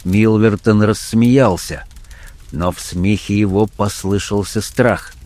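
A man narrating an audiobook in a measured, even reading. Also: lowish voice, no room sound.

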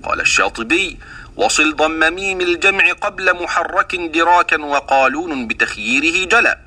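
A man's voice: on the high side, normal speed, bright, forceful tone. Distant-sounding man teaching Quran recitation. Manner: explains rules, then chants verses and quoted teaching poems. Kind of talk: lesson on the readings of the Quran, with recited examples.

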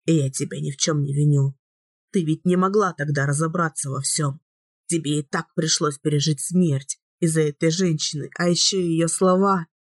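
A subdued young man, just awake in a hospital bed, speaks low and guarded, voiced by a woman audiobook reader. The sound is dry and close. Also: steady tone, normal speed, no room sound. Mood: gentle.

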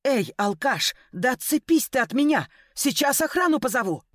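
A woman voicing a fiery, indignant young woman in an audiobook, shrill and squealing. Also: very animated, moderate pace, fairly bright tone, no room sound, clean studio sound, heavily acted. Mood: shrieking. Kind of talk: audiobook character voice.

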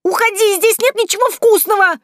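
A woman's voice: very high voice, steady tone, brisk, fairly bright tone, slight background noise, pitched above the performer's own voice. A woman reading aloud while voicing a frantic young woman who squeals and shrieks in panic. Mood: panicked squeal.

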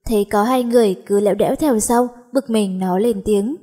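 A woman narrating a Vietnamese romance audiobook in a steady, even reading voice. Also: mid-range voice, normal speed. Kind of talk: scripted story narration.

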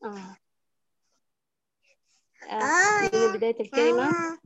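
A high-voiced woman student reciting slowly and hesitantly, echoing her teacher's corrections. Her voice sounds dull and muffled, like a lo-fi online call, and very dry. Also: sing-song. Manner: soft, hesitant, repeats after the teacher. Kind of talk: reciting and answering in a lesson.

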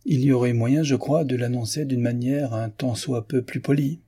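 A man voicing a sharp-tongued satirical woman over thirty with a cutting, ironic manner, reading a classic novel aloud. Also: mid-range voice, steady tone, moderate pace, husky, lightly acted.

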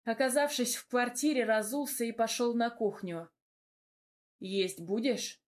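A woman narrating a first-person audiobook in an even, measured storytelling voice. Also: on the high side.

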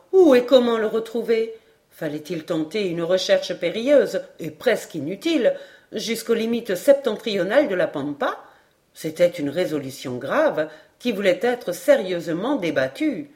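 A woman narrating a classic adventure novel in a measured, even audiobook reading. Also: medium pitch. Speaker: audiobook reader.

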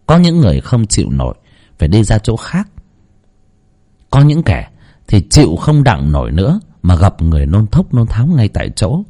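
A man narrating a horror story audiobook in a dramatic, expressive storytelling manner. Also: on the low side.

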